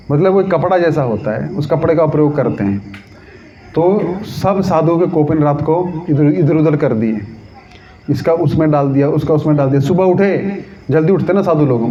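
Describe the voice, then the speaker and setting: A man giving a devotional scripture talk, telling stories lively, acting out voices and asking his listeners questions. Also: fairly high pitch. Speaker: Gita lecturer. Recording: dull lo-fi recording.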